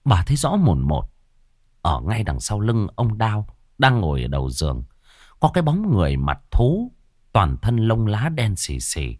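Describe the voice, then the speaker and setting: Dramatic storyteller. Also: male voice, on the low side, wildly swooping pitch, unhurried, darkish tone, dry recording, studio quality. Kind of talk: dramatic horror story narration.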